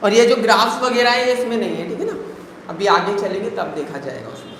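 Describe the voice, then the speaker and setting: A male math teacher runs a live online lesson in a high, fairly quick, slightly bright voice with lively intonation, coaxing his students with rhetorical questions and calling them "beta." The room is very echoey, with faint ambience and a little background noise.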